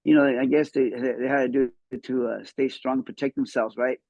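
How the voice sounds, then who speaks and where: A man's voice: medium pitch, steady tone, darkish tone, no echo, highs cut off. A man in his fifties who grew up in Mexico, telling his life story as a podcast guest in a casual, repetitive way. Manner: fast, repeats words as he talks.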